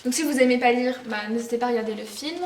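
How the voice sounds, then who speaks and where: A woman's voice: a little high, rapid-fire, reverberant, recorded from a distance, a little hiss or hum. A teenage girl chatting in a casual gift-haul vlog, bubbly and rambling, with lots of fillers and restarts. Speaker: vlogger.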